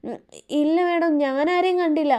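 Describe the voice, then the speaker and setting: Woman doing a shy young maid, meek, pretty high voice. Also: steady tone, normal speed, warm tone. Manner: meek, deferential. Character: timid young female servant.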